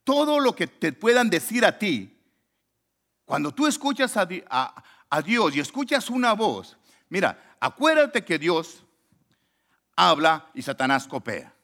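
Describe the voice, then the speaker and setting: A man preaches a sermon in a fairly high voice with a very lively, swooping pitch. He rises to loud, emphatic lines and then drops to low murmured asides. He also acts out the quoted voices in his story. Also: measured pace. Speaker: pastor.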